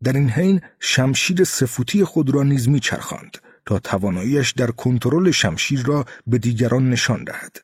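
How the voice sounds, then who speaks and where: A male storyteller reading a tale in a steady, even way. His voice is husky and mid-pitched, recorded dry and close. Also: few pauses, no echo. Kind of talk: scripted narration.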